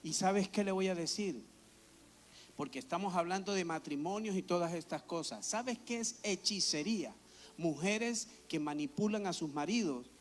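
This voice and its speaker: A man, a pastor, preaching a sermon in an animated, storytelling way. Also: fairly high pitch. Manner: animated storytelling with acted-out quotes.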